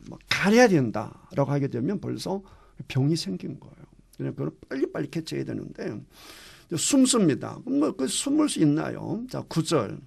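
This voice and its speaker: A man's voice: on the high side, creaky, a little mellow, breathy edge. A male pastor teaching a Bible class, asking the class questions and acting out quotes. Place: church classroom.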